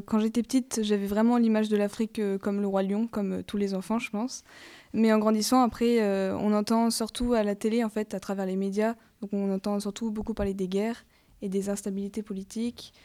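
A woman's voice: mid-range voice, little pitch movement, fairly quick, mellow. A woman answering interview questions thoughtfully, with hesitant fillers.

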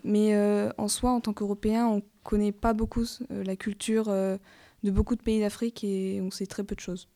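Woman, thoughtful interviewee, hesitant fillers, mellow tone, little pitch movement. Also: flat delivery, normal speed.

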